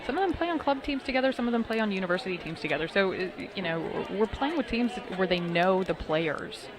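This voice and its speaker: A man's voice: high-pitched, animated, crowd noise. A man giving color commentary on a sports match, repeating words as he talks. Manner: fast, halting, repeats words. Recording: noisy background.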